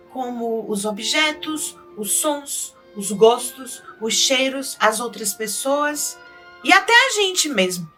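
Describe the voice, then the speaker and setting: A cheerful female magician hosting a children's educational show, acted by a woman. Her voice is high and bright. She explains theatrically with big swings of pitch. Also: full character voice.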